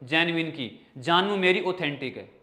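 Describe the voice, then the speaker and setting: This English teacher speaks at normal speed in a slightly high voice with lively intonation and a sharp tone, carrying a Hindi accent. In his online vocabulary class he spells words in segments, supplies answers to his own questions, and calls students brother and child.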